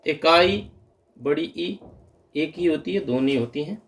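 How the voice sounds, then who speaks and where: Male grammar tutor, slightly higher voice, patient drilling delivery for exam prep. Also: measured pace. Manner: explains patiently, repeating correct and wrong forms. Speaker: teacher.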